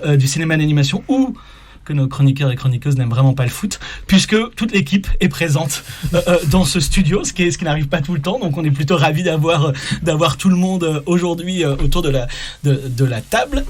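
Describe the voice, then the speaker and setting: A man with a French accent hosting a live radio show from a studio, talking in a halting way with many fillers and restarts. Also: on the high side, a little mellow. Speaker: radio host. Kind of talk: hesitant live radio chat.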